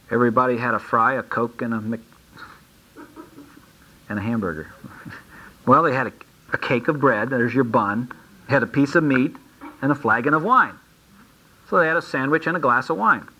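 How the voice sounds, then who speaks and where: A man's voice: mid-range voice, moderate pace, pauses often, pushed and bright, low-quality recording. A man preaching a sermon, reading Bible verses aloud and explaining them in plain, folksy asides. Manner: reads verses aloud, then comments.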